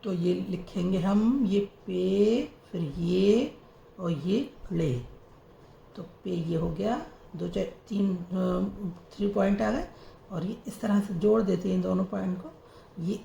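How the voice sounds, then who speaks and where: A woman teaching reading and writing, spelling out each letter and sound slowly and repeating the words. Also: fairly low pitch, vocal fry, dark tone. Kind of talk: slow letter-by-letter reading lesson. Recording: echoey room with faint noise.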